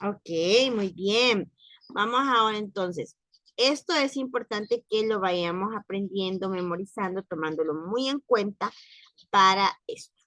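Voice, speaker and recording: A woman teaching French in an online class, speaking slowly and repeating words for practice. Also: mid-range voice, a bit bright, no echo. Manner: slow, careful, repeats words for drilling.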